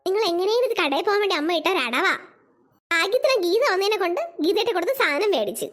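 A woman voicing a stern mother in a cartoon, speaking lower and firmly to her daughters. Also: very animated, fast, a bit bright, exaggerated voice. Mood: teasing. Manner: lower, firm and scolding. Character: stern mother who sees through tricks. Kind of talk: cartoon voice acting.

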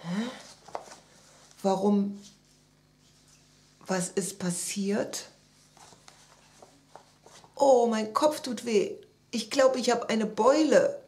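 A woman voicing a kindly old grandfather creature who speaks low and slow, gently explaining things. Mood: confused.

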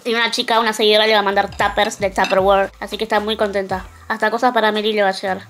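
A woman's voice: mid-range voice, level tone, racing, fairly bright tone, soft background music. A young woman with an Argentine accent chatting casually to the camera in a vlog at home. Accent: Argentine (Rioplatense). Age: young adult. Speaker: vlogger. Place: small room at home.

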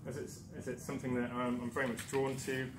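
This Newcastle man delivers a conference presentation fast and completely flat in a mid-range voice, though his manner is chatty and self-deprecating, full of ums and restarts. A distant camera records him in a darkened, echoey lecture room with background noise.

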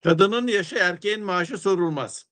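A man interviewing a guest, asking polite, measured questions and dropping a proverb. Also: high-pitched, a bit bright.

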